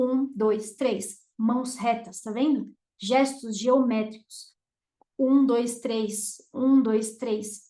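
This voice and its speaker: A Brazilian woman with a Brazilian Portuguese accent, a communication mentor teaching to camera with emphatic delivery, dropping and raising her volume and pausing for effect. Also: a little high, darkish tone, reverberant. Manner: emphatic, varies volume and pauses on purpose.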